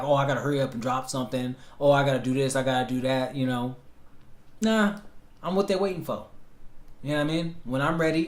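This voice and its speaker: A man in his late thirties, talking in a rambling, reflective way with many fillers and restarts, as host answering questions about his life. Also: medium pitch. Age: 30s. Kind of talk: casual self-interview. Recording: roomy echo.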